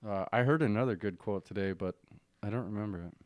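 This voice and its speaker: Laid-back, joking man with a low voice. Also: quick pace, dry recording. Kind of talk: casual chat.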